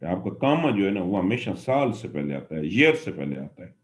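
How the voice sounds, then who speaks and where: Animated man teaching English grammar. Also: sits low, moderate pace. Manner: explains patiently, repeats points, addresses listener as dear student; mixes Hindi and English mid-sentence. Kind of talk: classroom lecture.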